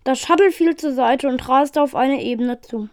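Woman, reading a novel aloud, steady, high voice, dry. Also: normal speed, no room sound. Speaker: reader.

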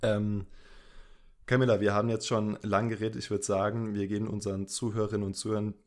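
Man, podcast host, lowish voice, casual chat, rambling explanations. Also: level tone, fast, a little mellow. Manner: chatty, explains at length with fillers.

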